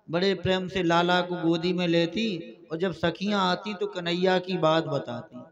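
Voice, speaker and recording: A man's voice: sits high, dull audio. A male preacher with a Bundeli accent, animatedly telling a devotional story. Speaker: katha preacher.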